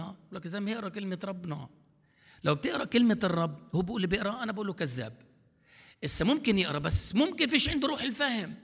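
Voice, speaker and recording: Fast-talking male preacher, bright gravelly voice, long hall reverb. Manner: fervent, swings between loud exhortation and low asides. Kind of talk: sermon.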